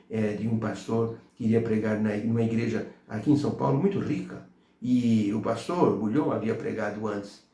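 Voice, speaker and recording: A man's voice: on the low side, dark tone, echoey room. A man with a Brazilian Portuguese accent teaching a devotional Bible lesson, telling anecdotes as he goes. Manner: storytelling with anecdotes. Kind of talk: devotional Bible study talk.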